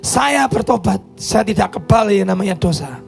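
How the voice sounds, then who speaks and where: Man preaching, high voice, gravelly, fervent, swells into shouts, faint music behind. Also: animated, moderate pace. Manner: fervent, rising into shouts and pleading. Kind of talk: sermon.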